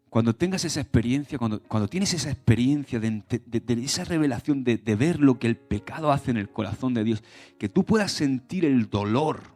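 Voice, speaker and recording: A man's voice: medium pitch, darkish tone. A male pastor from preaching a sermon in a conversational way, with many restarts and rhetorical questions to the congregation.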